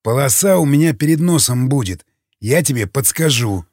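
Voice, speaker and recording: A man's voice: medium pitch, expressive, moderate pace, a little mellow, no room sound, studio quality. A man voicing a stern, blunt man who speaks firmly and matter-of-factly, read in an audiobook. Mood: stern urging. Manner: firm, matter-of-fact. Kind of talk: audiobook character voice.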